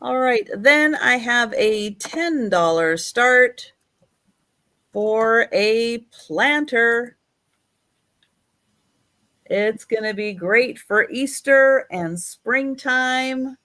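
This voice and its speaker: A woman hosting a live sale as the auctioneer, describing items in an unhurried, chatty, measured way. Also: fairly high pitch, fairly bright tone.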